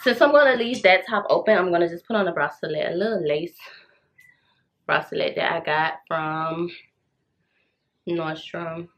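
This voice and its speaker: With a fairly low voice at a moderate pace, she pauses often as she chats. The American woman in her thirties is recording a casual get-ready-with-me vlog indoors in her bedroom, using slangy girl-chat and calling viewers y'all; the sound is dull, with room noise.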